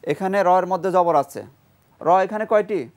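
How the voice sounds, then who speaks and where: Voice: mid-range voice, normal speed, darkish tone. A Quran reading teacher leading a TV lesson, quizzing students and prompting group recitation, then praising their answers. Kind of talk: TV quiz-style lesson with call-and-response. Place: TV studio with a class of students. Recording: studio with students chanting along.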